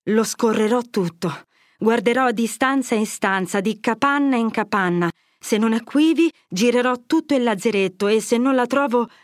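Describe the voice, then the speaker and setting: A woman's voice: medium pitch, normal speed, no room sound, natural voice. Woman playing young man, desperate, vengeful, heated, dry close reading. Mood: desperate fury. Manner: impassioned, vengeful outbursts. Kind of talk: audiobook character voice.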